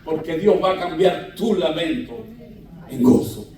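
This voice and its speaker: A pastor preaching a fervent sermon, calling on the congregation to shout amen, heard from a distance in a large church. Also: male voice, a little high, animated, measured pace, very echoey, slight background noise. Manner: fervent, calls out for amens.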